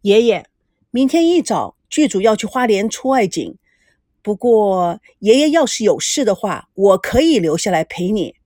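Woman reading as a young grandson, soft and coaxing, lively pitch, audiobook. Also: normal speed, no echo, clean studio sound. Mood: pleading. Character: gentle young grandson, caring and patient.

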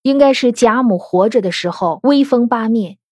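Husky-voiced woman explaining in a dry close sound. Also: on the high side, normal speed, warm tone, no room sound. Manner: poses rhetorical questions and answers them. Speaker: podcast host. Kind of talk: scripted explanatory talk.

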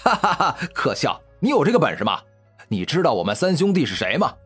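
A spoiled rich young bully, voiced by a male narrator, insolent and mocking. His husky voice swoops up and down as he jeers. Faint music runs behind him. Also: a little high, wildly swooping pitch, a little fast, fairly bright tone, heavily acted. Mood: sneering. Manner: sneering, insolent.

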